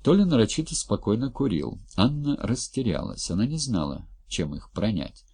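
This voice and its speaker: Raspy, gravelly male narrator. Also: fairly low pitch, very animated, moderate pace, dark tone. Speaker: audiobook narrator. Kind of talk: scripted narration.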